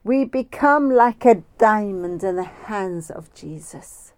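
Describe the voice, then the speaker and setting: A woman preaching by phone, telling a personal story in a slow, deliberate way. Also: medium pitch, animated, a little mellow.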